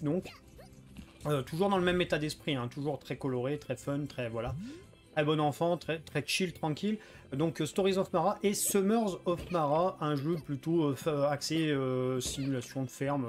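Chatty man reviewing a game. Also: fairly high pitch. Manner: chatty, rambling with many fillers and restarts.

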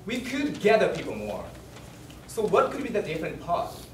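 A young man with a Japanese accent, a non-native English speaker, giving a project presentation in an animated, laughing storytelling manner. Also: high voice, normal speed. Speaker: student presenter. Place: presentation room. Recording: echoey room, distant mic, noisy.

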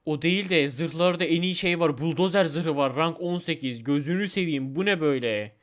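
A young man giving excited gameplay commentary as a gaming YouTuber, repeating words rapidly. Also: on the high side.

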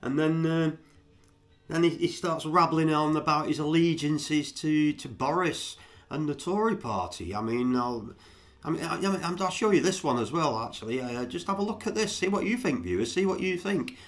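A man's voice: on the high side, expressive, moderate pace. Rambling man mocking clips. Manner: rambling, stammering, jokey. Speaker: vlogger host. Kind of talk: mocking commentary to viewers.

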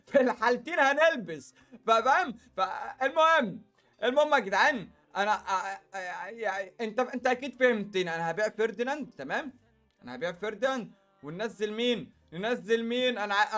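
A young Egyptian man with a very high voice talks fast through casual gameplay commentary. He speaks directly to his viewers in a chatty way, full of quick asides, and faint music plays behind him. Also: pushed and bright. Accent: Egyptian Arabic. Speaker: gaming YouTuber.

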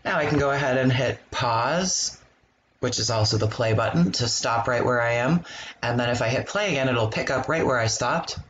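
Give me a man at a middle pitch walking through a software tutorial, relaxed and plain, with faint noise behind. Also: normal speed. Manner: relaxed step-by-step explaining with ums. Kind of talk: screen-recorded software walkthrough.

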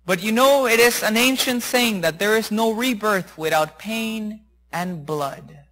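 A man preaching a sermon, retelling a Bible story with animated, acted-out voices. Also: high-pitched, unhurried, rough recording. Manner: animated, acts out characters' voices.

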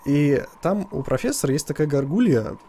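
A man's voice: fairly high pitch, animated, moderate pace, warm tone, slight background noise. A man doing casual live commentary as a scared horror game streamer, jumpy and slangy, joking and swearing as he tells stories. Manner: joking storyteller, slangy and profane.

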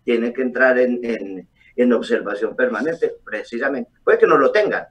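A middle-aged man, a doctor, explaining calmly over a video call with frequent hesitations. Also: mid-range voice, normal speed, highs cut off. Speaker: doctor guest. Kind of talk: explanatory interview answers. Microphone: webcam on a video call. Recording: distant video call audio.

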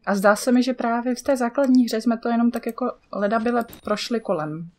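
A woman's voice: a little high, a little mellow. Czech woman gamer, casual let's-play chatter, mutters and swears at the screen.

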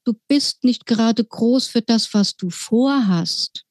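A woman's voice: on the high side, takes it slowly, a little mellow, dry recording, studio quality. A woman voicing a small, impatient male pilot mouse who talks in a pushy, grumbling way, in a storybook reading. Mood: bossy.

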